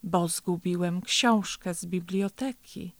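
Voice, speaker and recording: A woman's voice: on the low side, takes it slowly, no echo. A woman voicing a small, worried boy turtle who talks in an anxious, plaintive way in a storybook reading. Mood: secretive.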